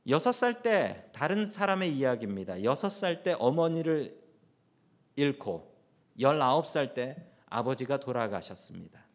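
A man's voice: mid-range voice, big pitch swings, a little slow. A man who is a pastor, preaching a sermon and telling a story with rising and falling emphasis.

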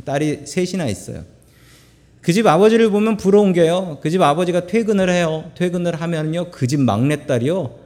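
A middle-aged man preaching a sermon, telling stories with humorous asides in an animated way, recorded in a church sanctuary. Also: sits high, a little fast. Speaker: pastor. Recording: long church hall reverb.

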